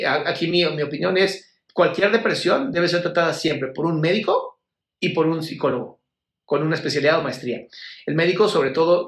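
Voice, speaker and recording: A man's voice: on the high side, a bit bright, reverberant. A man with a Mexican accent hosting a casual live stream, answering viewer questions with affectionate, blunt talk and some swearing. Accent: Mexican Spanish. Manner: affectionate, swears freely, calls viewers "my love". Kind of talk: casual live Q&A about mental health.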